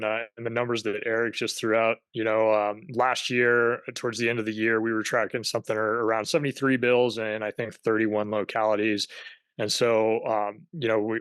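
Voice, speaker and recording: A man presenting on a video-call webinar as a government affairs director, speaking haltingly with many fillers and restarts. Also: mid-range voice, a bit bright, clean tone, dry recording.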